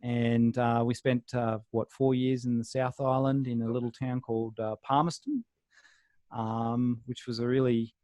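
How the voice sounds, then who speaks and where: Relaxed Australian man on a dry call. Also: medium pitch, measured pace, no echo. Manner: relaxed, rambling with many ums and restarts. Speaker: guest. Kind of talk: casual video call interview.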